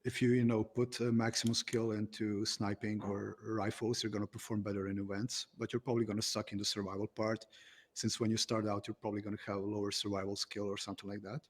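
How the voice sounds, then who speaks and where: A man's voice: lowish voice, level tone, fast, slight background noise. A man from Croatia, a game developer answering interview questions in an easygoing, hesitant way with many fillers.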